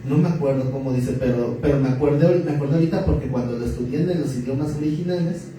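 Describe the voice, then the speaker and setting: Preaching with a conversational, joking style, a male pastor keeps putting questions to his audience. His voice is medium-pitched and dark, moving at a quick pace. He is far from the mic in a very echoey hall, with faint noise in the background.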